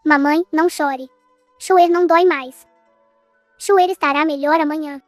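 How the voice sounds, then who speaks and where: Uma atriz de dublagem com sotaque brasileiro dando voz a uma jovem filha gravemente doente, doce e frágil, que implora e fala de si pelo próprio nome. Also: female voice, sits high, fairly even intonation, a little slow, dry recording, soft background music. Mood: tender. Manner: pleading, speaks of herself by name. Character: gravely ill young daughter, sweet, frail. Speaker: dubbing actress.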